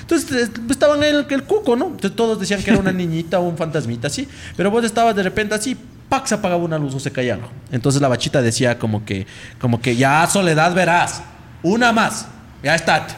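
A young man rattles through a ghost story at a quick clip. His voice sits a little high, and he drops into the voices of the people in it. A faint hiss runs underneath. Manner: rambling, animated ghost story with mimicked voices. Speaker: podcast host. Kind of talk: casual storytelling chat.

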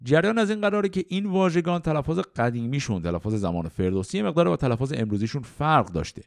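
A man hosting a podcast, explaining classical poetry in a clear teacherly way and reciting verse in a measured tone. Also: fairly high pitch, big pitch swings, dry recording, studio quality. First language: Persian.

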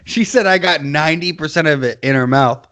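A man's voice: on the high side, brisk, a bit bright. A man co-hosting a podcast in casual chat, rambling and swearing, often laughing between phrases. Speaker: podcast co-host. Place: podcast studio.

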